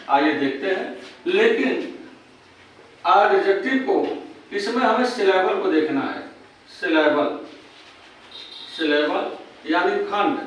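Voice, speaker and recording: High-voiced Indian teacher in echoey room. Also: male voice, a bit bright. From Uttar Pradesh, India. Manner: patient, repeats key terms slowly. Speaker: English teacher. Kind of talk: classroom grammar lesson. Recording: very echoey room, distant mic, faint noise.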